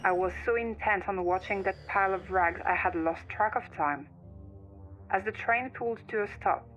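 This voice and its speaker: Over music, a woman with a medium-pitched voice narrates a scripted first-person horror story, like someone recounting a chilling tale. The sound is lo-fi.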